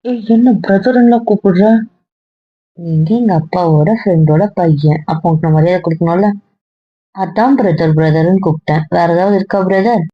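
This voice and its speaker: A woman with a lowish voice speaks in a firm, cutting way in an amateur web drama. The sound is dull and lo-fi, recorded close and dry. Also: normal speed, dry recording. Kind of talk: amateur web series acting.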